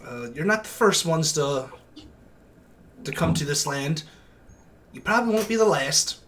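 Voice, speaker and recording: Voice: medium pitch, lively intonation, a little slow, fairly bright tone. A game master voicing a wry, resigned local man in a fantasy tabletop game, speaking offhandedly.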